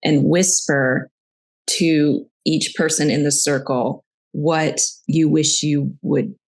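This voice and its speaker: A woman's voice: low voice, fairly even intonation, slow, vocal fry, a little mellow. A woman hosting a podcast interview, talking candidly and reflectively about her own experiences. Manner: candid, reflective, shares personal stories. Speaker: podcast host. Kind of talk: conversational interview.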